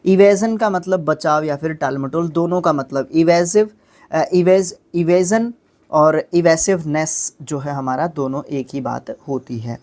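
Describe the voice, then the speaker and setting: A man's voice: on the high side, a little slow, a little mellow. A man teaching English vocabulary, explaining patiently, checking in with listeners at every step and sounding out hard words syllable by syllable. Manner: explains patiently with constant tag questions. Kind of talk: vocabulary lesson.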